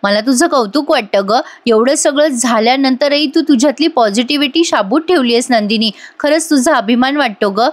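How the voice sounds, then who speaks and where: A woman's voice: high-pitched, normal speed, hardly any pauses, natural voice. A woman reading the lines of a kind mother-in-law who speaks affectionately and with praise.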